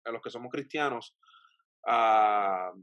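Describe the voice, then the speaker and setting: A man's voice: medium pitch, slow, a bit bright, no echo, dull audio. A young Puerto Rican man hosting a video-call interview, asking long, thoughtful, winding questions from a room at home. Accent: Puerto Rican Spanish. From Puerto Rico. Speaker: host. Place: home room with bookshelves, indoors. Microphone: webcam on a video call.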